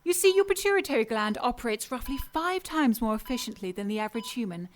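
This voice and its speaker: With a fairly high, natural voice and lively intonation, an actress plays a scientist villain in a radio drama. She addresses her captive without hurry, clinical, taunting and condescending, coolly menacing throughout.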